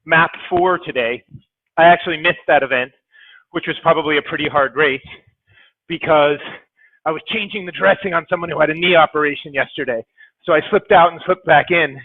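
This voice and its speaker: A man's voice: a little high, no echo. Modest man on a tinny call line. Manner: modest, chatty. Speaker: race winner, interviewed rider. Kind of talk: post-race interview over a call. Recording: tinny phone-like call audio, dry.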